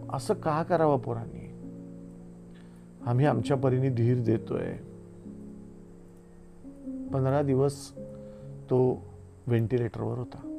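A middle-aged man from India reads his own essays in a slow, reflective storytelling manner. His voice is gravelly and dark, with soft guitar playing faintly behind him. Pauses sit between his phrases. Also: medium pitch. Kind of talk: literary book reading.

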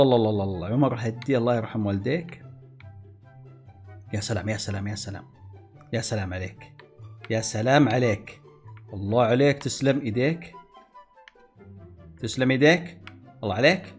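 A man giving excitable gameplay commentary, exclaiming and talking to himself and his viewers. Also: mid-range voice. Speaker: gaming YouTuber.

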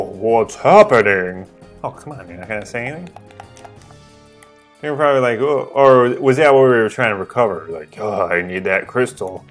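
A man giving casual, joking commentary while playing a game, rambling and wisecracking. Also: mid-range voice. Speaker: let's play gamer.

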